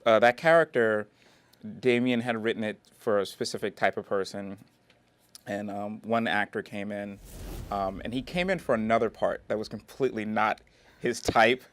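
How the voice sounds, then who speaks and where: A man's voice: lowish voice, moderate pace. A male filmmaker telling a casting story in an interview, amused and chuckling as he goes. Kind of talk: anecdote in an interview.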